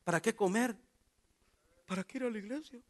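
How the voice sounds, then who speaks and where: A man's voice: sits high, brisk. A man preaching a sermon as pastor, joking and calling out to the congregation. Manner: animated preaching with jokes and calls to the congregation.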